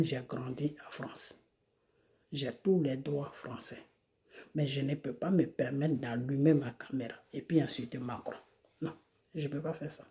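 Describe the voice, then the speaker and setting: Speaking into a phone or camera mic, this Ivorian video creator delivers an indignant monologue to the camera, driving home one rhetorical question after another. Her voice is warm and sits extremely low.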